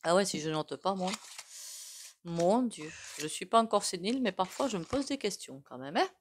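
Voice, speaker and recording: A woman with a regional French accent talks through a tarot spread for her viewers, her voice sitting a little low. She rambles as she goes, filling the gaps with hesitations and little asides. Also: expressive, moderate pace, a little hiss or hum. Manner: chatty, rambling, with many fillers and self-asides. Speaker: tarot reader. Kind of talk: casual tarot reading to camera.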